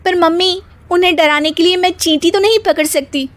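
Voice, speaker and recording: Woman acting young cartoon daughter-in-law, extremely high squeaky voice, timid, cheeky, whiny, pert. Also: fairly even intonation, brisk. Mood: doubtful. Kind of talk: Hindi cartoon story voice acting.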